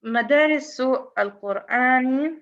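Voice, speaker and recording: In a university lecture on translation, a woman whose first language is Arabic explains things step by step in accented speech, often restarting and repeating words and moving between English and Arabic. She sounds high-pitched, fairly quick and a bit bright, on a lo-fi recording.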